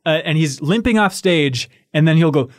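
A man's voice: a little high, moderate pace, no room sound, clean studio sound. A man hosting a podcast, chatting casually and playfully about music. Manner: animated, playful, acts out quotes. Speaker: podcast host. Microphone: studio microphone.

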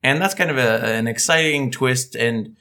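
A young American man from Denver hosts a casual podcast chat. His voice is bright and forward, and his delivery is playful and animated, with teasing jokes and frequent laughs. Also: mid-range voice, moderate pace. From Denver, Colorado, USA. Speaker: podcast host.

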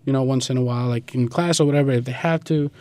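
A young Guatemalan man answers questions in a casual interview, talking fast in a medium-pitched, warm, steady voice. His speech is informal and full of slang, and he keeps reaching for fillers like "like" and "you know."

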